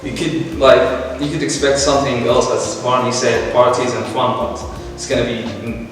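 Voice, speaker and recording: A man's voice: medium pitch, little pitch movement, moderate pace. A late-teen student from Yemen who talks bluntly and playfully, laughing through his points. He is recorded from a distance in a big hall with heavy echo, and music plays behind him. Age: late teens. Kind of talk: casual Q&A chat. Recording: echoey hall from far off.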